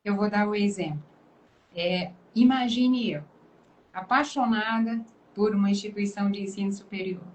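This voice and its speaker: A woman's voice: mid-range voice, moderate pace, slight background noise, rough recording. Emphatic Brazilian woman pastor preaching. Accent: Brazilian Portuguese. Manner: emphatic, dramatic testimony with lively quoted voices. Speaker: pastor and guest. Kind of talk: preaching in a live conversation.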